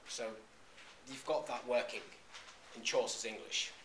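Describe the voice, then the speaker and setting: A male lecturer speaks at a middling pitch, stopping often on "um" and restarting his sentences. The recording is echoey, with a faint hum of room noise behind him. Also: fairly even intonation, a bit bright. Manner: halting, frequent "um"s and restarts. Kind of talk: classroom lecture. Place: classroom.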